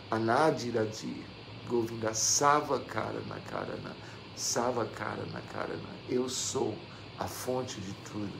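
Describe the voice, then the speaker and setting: Gravelly Brazilian man teaching scripture. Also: on the low side, noisy background. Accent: Brazilian Portuguese. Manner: repeats phrases, asks rhetorical "não é?". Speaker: religious teacher. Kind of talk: scripture reading and commentary. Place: devotional center hall.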